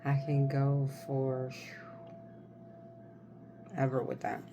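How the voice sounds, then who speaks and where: A woman host chatting casually and rambling through a tarot card reading, folksy and jokey, often pausing and repeating herself. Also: rumbling low, monotone, dull audio. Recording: clear background noise, card shuffling and clicks.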